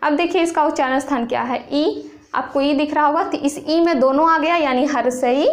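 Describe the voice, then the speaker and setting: A young woman with a Bihari accent teaching a grammar lesson, repeating rules slowly and asking the viewer questions. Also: sits high.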